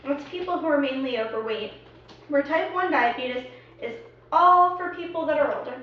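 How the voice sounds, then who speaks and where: A chatty young woman explains things in a playful, singsong way. Her voice sits high, and it sounds distant and muffled. Strong echo from the room surrounds it. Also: moderate pace, a little hiss or hum. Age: young adult. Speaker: student presenter. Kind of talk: casual student video skit. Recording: echoey room, far from a dull mic.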